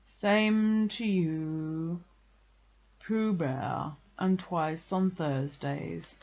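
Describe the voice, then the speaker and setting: A woman voicing a gloomy, self-pitying male donkey in a slow, melancholy, drawn-out storybook delivery. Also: fairly low pitch, steady tone, dark tone, highs cut off. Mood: gloomy, resigned. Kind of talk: children's storybook character reading.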